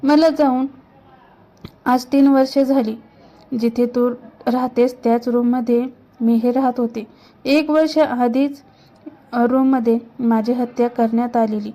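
A woman's voice: on the high side, steady tone, unhurried, long pauses, warm tone, lightly acted. A woman voicing the ghost of a murdered young college girl who pleads to be avenged, speaking in a mournful, pleading way. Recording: dull lo-fi recording.

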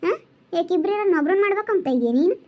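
An actress plays an angry village mother who scolds in rapid-fire questions. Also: extremely high pitch, highs cut off, a little hiss or hum. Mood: scolding. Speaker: mother of the household. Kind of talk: village family drama acting.

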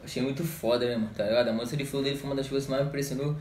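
Hyped young Brazilian man, fast slang. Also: medium pitch, steady tone, a little mellow. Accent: Brazilian Portuguese. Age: young adult. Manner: slangy, hyped, rapid street talk. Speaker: music reaction youtuber. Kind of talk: casual reaction commentary. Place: small indoor room, gaming chair. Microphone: headset. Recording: echoey small room.

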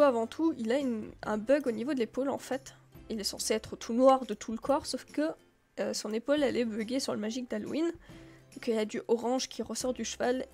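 A woman's voice: fairly high pitch, darkish tone. A woman giving casual, rambling commentary as she plays a video game, with many filler words. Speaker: gameplay video creator.

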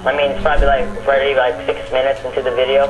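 A man's voice: medium pitch, monotone, very fast. A male gamer chatting casually and rambling, often repeating his words and phrases. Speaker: gamer friend watching along. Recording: roomy echo. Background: video game music.

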